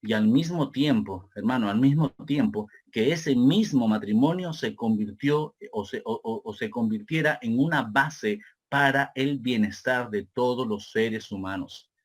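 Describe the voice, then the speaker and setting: A man with a Peruvian Spanish accent preaching a sermon, repeating phrases and calling listeners brother, slowing down for key points. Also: mid-range voice, breathy edge. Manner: slows down deliberately for key points.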